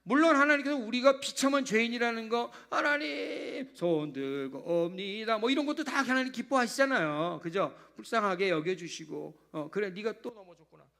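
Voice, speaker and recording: A man, a pastor, preaching a sermon in a church, animated and swinging between loud emphasis and hushed asides, acting out little prayer dialogues. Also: very high-pitched, moderate pace, creaky, few pauses. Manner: animated preaching, sudden drops to hushed tones. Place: church sanctuary.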